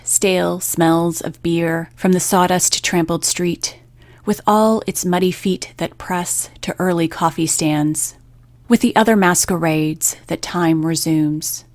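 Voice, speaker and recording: A woman hosts a poetry radio program, reading from a script and reciting verse with measured, deliberate phrasing. Her voice is lowish and darkish in tone, with no room sound.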